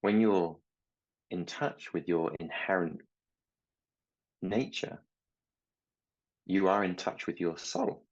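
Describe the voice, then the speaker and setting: A low-voiced middle-aged man with a husky edge, speaking as a mindset coach. He talks in a slow, gentle, reflective way, and the recording sounds slightly dull. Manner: slow, gentle and reflective, with anecdotes about his children. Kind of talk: reflective talk to camera.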